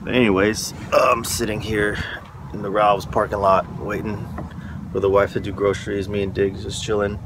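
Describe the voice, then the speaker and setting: A van life vlogger with a stuffy nose and a sore throat talks frankly and rambles in a casual vlog, stopping and starting as he speaks from his van parked in a windy outdoor lot. His voice is lowish with little pitch movement, at a normal speed. Wind and traffic noise come through on the recording.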